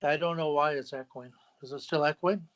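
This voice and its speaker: A middle-aged man on a group video call, speaking haltingly, with an echo that repeats his words back. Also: on the high side, fairly even intonation, a bit bright, dull audio. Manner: halting, restarts his sentences. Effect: echoing call audio, words repeated back. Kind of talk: casual group conversation.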